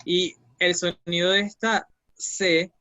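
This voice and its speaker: Slow, patient male language teacher. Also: sits high, flat delivery, bright, forceful tone, dry recording. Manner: patient, repeats syllables slowly for students. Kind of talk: online language lesson.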